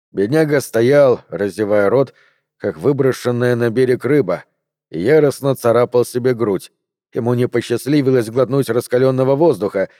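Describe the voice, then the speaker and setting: A man reading an audiobook in a steady, measured narration. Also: mid-range voice, no room sound, clean studio sound. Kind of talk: scripted narration.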